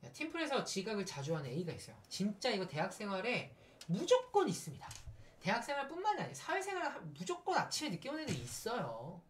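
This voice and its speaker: A woman's voice: medium pitch, quick pace, a little hiss or hum. A middle-aged woman lecturing on conflict and communication in a recorded university class, often acting out short quarrel lines. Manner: lively, acts out quarrel lines in quotes.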